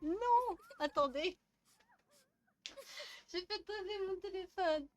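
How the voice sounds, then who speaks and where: Une jeune femme streameuse commente sa partie de jeu vidéo sur un ton décontracté, bavarde, elle rit souvent et taquine les personnages. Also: female voice, very high-pitched, lively intonation, slow. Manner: chatty, laughs often, teasing the game characters. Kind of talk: casual let's-play commentary.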